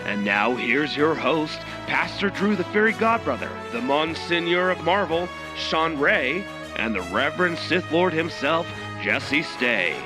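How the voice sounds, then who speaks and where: A man announcing the show's return and introducing its hosts in a loud, hyped style. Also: fairly high pitch, animated, measured pace, few pauses. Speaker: show announcer. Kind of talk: show intro bumper. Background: music.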